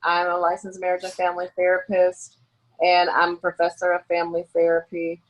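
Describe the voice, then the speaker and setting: A woman's voice: on the low side, completely flat delivery, a little fast, low-quality recording. A woman from Dallas, a therapist and professor, introducing herself in a composed, matter-of-fact way. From Dallas, Texas. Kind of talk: panel introduction.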